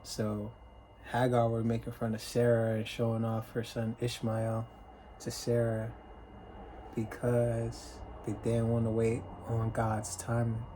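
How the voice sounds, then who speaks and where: Man, casual bible teaching, slow and unhurried, mellow low-key tone, faint background hiss. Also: monotone, rough recording. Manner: retells the story in plain speech, clears throat often. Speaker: preacher.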